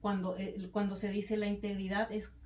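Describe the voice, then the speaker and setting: A woman evangelist calmly explaining ideas about anger and the self in a faith conversation, in a measured, teaching way. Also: medium pitch. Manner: measured, explanatory, with frequent affirming interjections. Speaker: evangelist and speaker. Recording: echoey room, voice from a distance.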